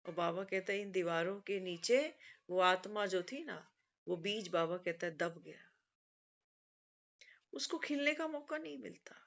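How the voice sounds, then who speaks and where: A spiritual speaker with a fairly low, gravelly voice talks at a measured pace, leaving long pauses. Her devotional discourse unfolds like a story, full of quoted teachings and conversational asides. The recording sounds muffled and lo-fi.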